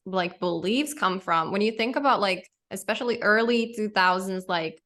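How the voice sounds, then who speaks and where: A woman's voice: mid-range voice, bright, forceful tone. A woman hosting an interview, chatting casually and rambling with many restarts. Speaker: podcast host.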